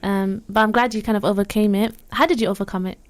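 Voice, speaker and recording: A young woman co-hosting a community radio talk show in an easy, conversational way. She sounds reflective and encouraging, often stepping in with quick asides as she talks. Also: mid-range voice, fairly even intonation. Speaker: radio co-host. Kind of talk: casual radio chat.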